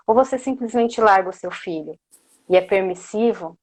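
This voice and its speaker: Brazilian woman coach, mid-pitched, lecturing a parenting seminar, stacking up rhetorical questions. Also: normal speed. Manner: keeps asking the audience rhetorical questions; often ends phrases with a questioning "né?". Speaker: coach giving a parenting talk. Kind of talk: motivational lecture.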